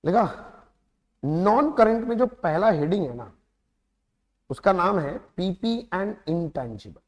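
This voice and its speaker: A man with an Indian accent giving a classroom accounting lecture, quizzing his students often and drawing out key terms slowly. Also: high voice, sing-song, long reverb tail. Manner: talks straight to students, quizzing them with quick questions; lapses into slow, drawn-out words when stressing terms. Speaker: accounting teacher.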